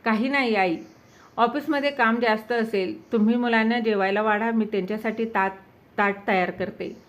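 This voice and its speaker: A woman voicing a gentle, hurt young wife. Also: a little high, steady tone, moderate pace, close to an everyday voice. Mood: tearful. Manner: soft, placating.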